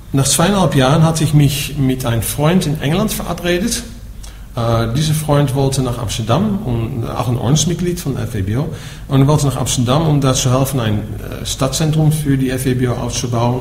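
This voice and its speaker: This dharma talk to a group comes from a man from the Netherlands teaching Buddhism in German with a Dutch accent. His voice is medium-pitched with a darkish tone at a moderate pace. Patiently explaining, he adds "ja?" after nearly every point, recorded in an echoey room with faint background noise.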